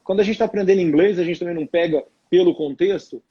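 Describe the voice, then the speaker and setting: A Brazilian man co-hosting a live stream talks fast in a husky, mellow voice. He explains briskly and acts out what parents and children say to each other. His audio comes through muffled and lo-fi. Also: high voice. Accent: Brazilian Portuguese. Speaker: co-host reading viewer questions. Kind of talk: casual live-stream advice.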